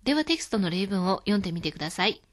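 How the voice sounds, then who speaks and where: A woman hosting a scripted radio lesson, explaining words calmly. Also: mid-range voice, racing. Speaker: Chinese language teacher.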